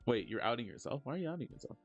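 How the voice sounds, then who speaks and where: This thirty-something digital artist talks very fast and casually to viewers as he draws, rambling with plenty of fillers. His intonation is lively, leaping upward when chat messages catch his attention. Soft music plays behind dull-sounding audio.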